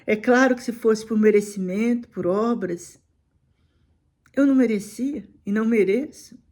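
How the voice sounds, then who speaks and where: A middle-aged woman tells an emotional personal faith testimony, often dropping to a soft, hushed voice. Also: a little high, a little slow.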